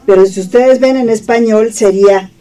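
A woman's voice: a little high, normal speed, warm tone, recorded from a distance. A woman with a Mexican Spanish accent teaching an English lesson, drilling phrases over and over for her students.

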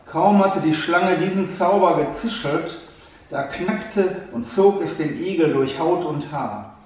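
Man reading a kids' fairy tale, gentle, slow, slightly high voice, far from the mic. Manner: gentle, addresses the listener directly. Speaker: storyteller. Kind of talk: fairy tale read to a child. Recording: echoey room, distant mic.

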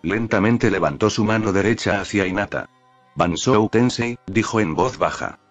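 Brief: a low-voiced male narrator reading fan fiction steadily over faint background music. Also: normal speed. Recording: dull lo-fi audio with faint music.

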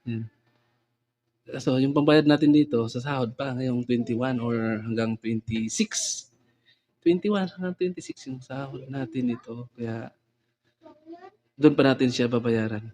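Slow-talking, chatty man vlogger. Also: medium pitch, a little mellow. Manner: chatty, giggly, trying out gear. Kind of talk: casual vlog chat. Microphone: condenser microphone.

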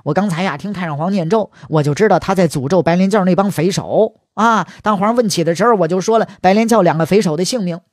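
A man's voice: sits high, fast talker, hardly any pauses, no room sound, clean studio sound, close to an everyday voice. A man voicing a servile, scheming imperial minister who stammers and hedges. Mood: conspiratorial. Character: scheming fawning Qing minister, middle-aged man.

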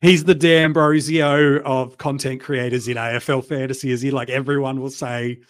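A man's voice: mid-range voice, little pitch movement, moderate pace. Chatty man on a panel. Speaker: fantasy football panelist. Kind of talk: casual panel chat.

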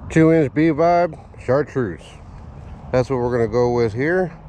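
Fishing at a park pond, a medium-pitched man gives easygoing, measured running commentary to himself and a chest- or head-mounted action camera. This fishing vlogger gets excited over his catches, with faint outdoor noise in the background.

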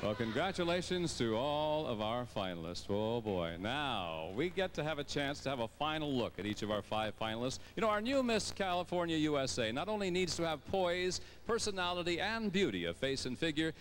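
A man's voice: fairly high pitch, big pitch swings, normal speed, few pauses, a little hiss or hum. A middle-aged man announcing live on stage as a pageant host, on a handheld microphone. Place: large pageant theater stage.

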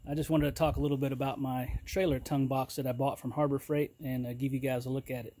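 Flat-voiced man reviewing gear outdoors. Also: mid-range voice. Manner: plain, unhurried, folksy talk with fillers. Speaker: channel host reviewing a trailer tool box. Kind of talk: casual product review vlog. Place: outdoors in a yard beside a trailer.

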